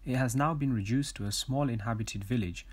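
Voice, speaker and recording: Soft-spoken man narrating a travel vlog. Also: mid-range voice, brisk, husky. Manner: soft-spoken voice-over, livelier and louder when chatting on site. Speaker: travel vlogger. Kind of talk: calm scripted narration. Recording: voice-over with loud music behind.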